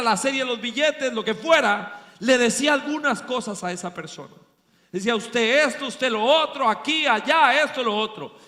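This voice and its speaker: A male pastor preaches in a dramatic storytelling style, surging loud and then dropping low and hushed. His voice sits very high and sounds bright and sharp. A long hall reverb trails his words. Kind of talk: sermon. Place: large hall at a pastors' retreat.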